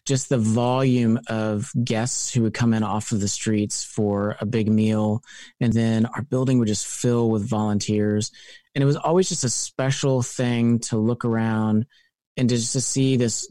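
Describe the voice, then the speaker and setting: Mellow-voiced guy, heartfelt and reflective, dry sound. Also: mid-range voice, no echo. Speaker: guest, founder of a missions agency. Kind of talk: recorded personal story.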